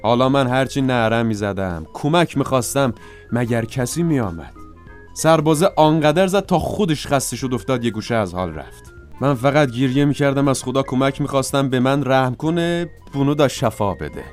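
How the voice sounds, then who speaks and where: A man's voice: mid-range voice, expressive, faint music behind, natural voice. An actor playing a hapless, bandaged wounded soldier who moans and complains as he tells his misfortunes. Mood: aggrieved. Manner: moaning, complaining comic storytelling.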